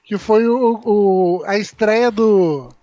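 Scattered co-host on a dull remote line. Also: male voice, high-pitched, slow, mellow, dry recording. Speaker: podcast co-host. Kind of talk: casual chat. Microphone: remote mic with the signal fading.

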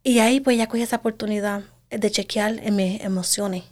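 A woman telling her own story in an interview, earnest and halting, often restarting her sentences and slipping in English words. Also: mid-range voice, steady tone, a little mellow. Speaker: guest sharing her story. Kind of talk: personal testimony in conversation.

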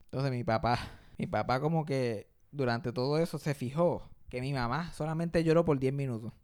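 A young Puerto Rican man hosting a podcast, telling family stories in a casual, animated way and laughing often. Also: mid-range voice, normal speed, smooth. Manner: animated, laughing, crude jokes. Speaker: podcast host. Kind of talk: casual storytelling chat.

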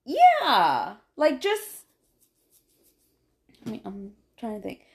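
A woman co-hosting a casual podcast chat with her partner, talking in an animated way and laughing between remarks. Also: on the high side, very slow. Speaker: podcast co-host.

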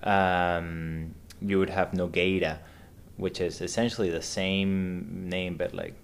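A man's voice: sits low, little pitch movement, slow, vocal fry, a little hiss or hum. A man in his thirties from Venezuela, a podcast guest chatting casually and hesitantly, with many fillers and restarts. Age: 30s. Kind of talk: casual conversation.

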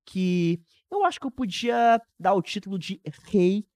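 A man in his early twenties with a Brazilian Portuguese accent, hosting a podcast in casual, animated, slangy chat. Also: high-pitched, unhurried, dry recording, clean studio sound. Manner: animated, informal, heavy use of slang. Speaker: podcast host.

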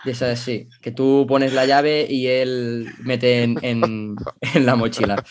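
A man's voice: medium pitch, level tone, slow. A man hosting a casual podcast over a video call, greeting his co-hosts and teasing them. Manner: jokey, teasing. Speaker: podcast host.

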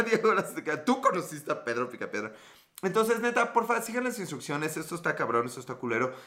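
Mexican man in his thirties, live-stream host, bright and slightly high voice, cracks profane jokes. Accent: Mexican Spanish. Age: 30s. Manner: joking, profane, reads out chat comments. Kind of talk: casual live-stream chat.

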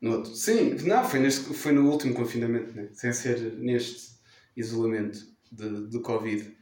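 A man with a European Portuguese accent telling stories in a casual chat, animated and self-mocking. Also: mid-range voice, moderate pace. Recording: echoey room.

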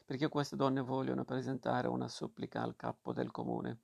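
A man's voice: mid-range voice, big pitch swings, moderate pace, creaky, darkish tone, no room sound, exaggerated voice. A man reading aloud and voicing a policeman who explains himself politely. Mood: apologetic. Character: apologetic male policeman.

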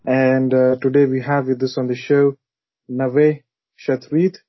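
A man hosts a podcast interview in a flat, even voice, pausing on fillers between his questions. The sound is dry and dull, like a lo-fi mic. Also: medium pitch, no room sound. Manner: scripted intro with hesitant fillers. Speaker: podcast host. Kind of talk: interview hosting.

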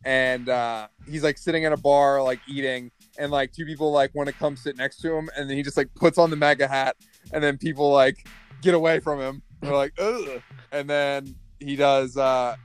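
A man's voice: medium pitch, flat delivery, normal speed, smooth, soft background music. A young man co-hosting a podcast in casual chat, rambling and filling every sentence with "like". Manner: rambling, heavy use of "like", acts out party voices. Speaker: podcast co-host.

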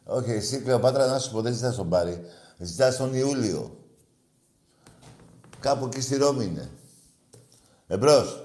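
A man's voice: medium pitch, lively intonation, pauses often, mellow, roomy sound. A man hosting a radio call-in show, teasing and mocking his callers in crude, casual banter.

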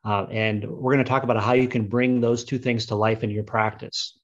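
A man's voice: mid-range voice, flat delivery. Man hosting an interview, muffled sound. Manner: friendly, measured interviewer with fillers. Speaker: podcast host.

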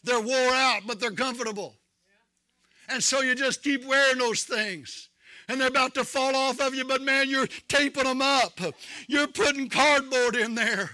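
A man preaching a sermon, impassioned and shouting at the peaks in a sing-song preaching cadence. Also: very high-pitched, no room sound, clean studio sound.

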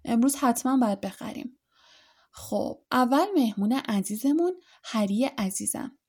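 A woman's voice: a little high, a little mellow, slightly rough. A woman reading aloud, voicing a doting, anxious middle-aged witch and mother who fusses and bosses. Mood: fussing, worried.

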